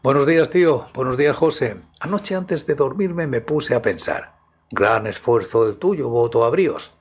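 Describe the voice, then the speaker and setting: A man voicing a testy, pedantic man who bickers with his own reflection in a comic scripted dialogue, in a husky voice. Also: medium pitch, lively intonation, normal speed, faint music behind, lightly acted.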